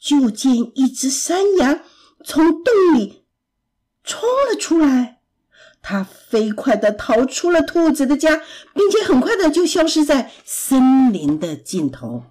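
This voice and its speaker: A woman storyteller reading a children's story aloud in an expressive, lively way. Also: high voice, takes it slowly.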